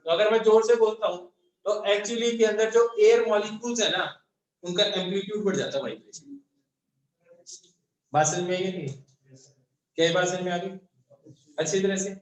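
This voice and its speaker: A high-pitched male physics teacher lectures a class. He fires question after question and answers each one himself. The echoey classroom rings around his voice. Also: steady tone, normal speed, long pauses, highs cut off.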